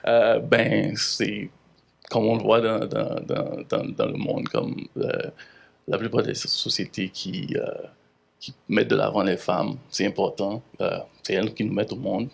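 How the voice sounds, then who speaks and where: Gravelly Haitian man, halting. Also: fairly low pitch, expressive. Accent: Haitian French. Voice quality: gravelly, husky. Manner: halting, many fillers and restarts. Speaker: visual artist. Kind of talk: hesitant interview answers.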